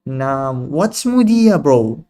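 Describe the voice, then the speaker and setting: Speaking very slowly with big pitch swings, a young man with a dark, medium-pitched voice hosts a live trading stream. He chats casually to viewers in slang and teases them.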